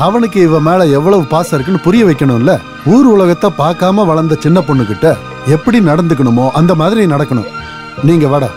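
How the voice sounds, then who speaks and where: Brief: actor as a fair-minded family elder, slightly high voice, faint score. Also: male voice, expressive, fairly quick, over music, lightly acted. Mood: admonishing. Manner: mild, admonishing. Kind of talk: film drama.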